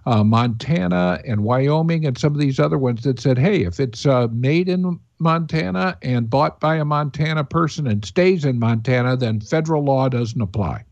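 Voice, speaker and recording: A man's voice: mid-range voice, normal speed, creaky, hardly any pauses, darkish tone, dry recording. Man, talk radio host, rambling, hesitant, fillers, dry close mic, dull audio. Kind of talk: talk radio commentary and call-in chat.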